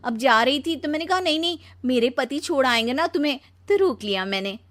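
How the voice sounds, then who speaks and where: A woman's voice: high voice, expressive, fairly quick, a bit bright. A woman voicing a demanding, coaxing young wife in a story, emphatic and cajoling.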